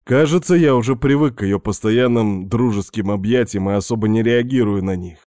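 Dark-voiced man narrating a story. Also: fairly low pitch, brisk, no echo, clean studio sound. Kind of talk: first-person story narration.

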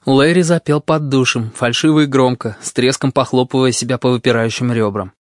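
A man narrating a novel in the first person, reading in a measured, quiet way. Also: mid-range voice, fairly even intonation, dry recording, studio quality. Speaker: audiobook narrator.

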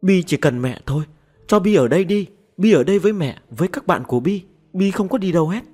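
A man voicing a sulky, clingy little ghost girl in a high, tearful childish voice. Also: lively intonation, brisk, darkish tone, breathy edge, faint music behind.

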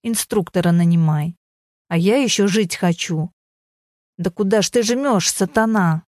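A woman voicing a gruff man who shouts and swears while teaching someone to drive, in an audiobook. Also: mid-range voice, a little slow, dry recording, studio quality, close to an everyday voice. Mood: exasperated shouting.

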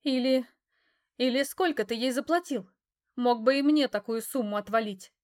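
A woman voicing a brash, hysterical young kept mistress in an audiobook, loud and scornful. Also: high voice, animated, normal speed, pitched above the performer's own voice. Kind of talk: audiobook character voice.

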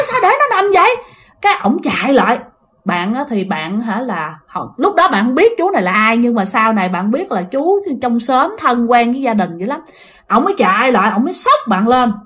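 A woman narrating a ghost story and talking directly to her listeners. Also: high-pitched. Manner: animated, addresses listeners directly.

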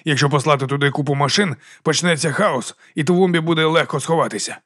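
A man voicing a calm, authoritative police chief giving measured orders in an audiobook. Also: a little high. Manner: measured, commanding.

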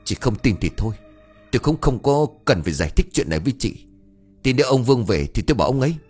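A man voicing a young second wife who is calm but firm and answers back curtly. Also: mid-range voice, quick pace, slightly rough, voice pushed up. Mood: retorting. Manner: sharp, curt comebacks. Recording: faint background music.

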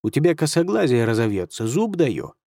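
A brash demon lord who talks with snorting mockery and drawls his retorts, voiced by a man. The voice stays near a middle male pitch. The recording is close and dry. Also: big pitch swings, brisk, dark tone, no echo. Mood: mocking. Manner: mocking, snorting, offhand. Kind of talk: audiobook character voice.

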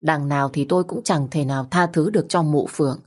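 A woman narrating a dramatic story in the first person, with steady, dramatic storytelling. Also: low-pitched, fairly quick.

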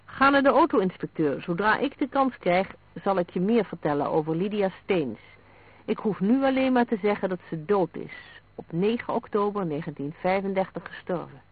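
A detective presses his point with quiet urgency, as a male reader voices him. The tone is high and heard through a narrow phone-like band. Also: expressive, normal speed, husky, heavily acted. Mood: insistent. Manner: urgent, persuasive. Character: calm, insistent male detective.

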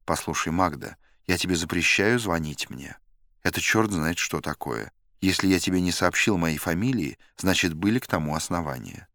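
A man's voice: low-pitched, lively intonation, moderate pace, a bit bright, no echo, studio quality. A man reading the part of an anxious middle-aged man in an audiobook, pleading and nervous in manner. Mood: stern.

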